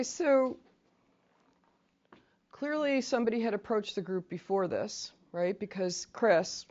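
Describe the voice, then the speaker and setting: A woman's voice: deep voice, dull audio. A woman leading a training session, talking in a chatty way and telling stories with asides. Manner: chatty, animated storytelling with asides. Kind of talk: casual training lecture. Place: meeting room.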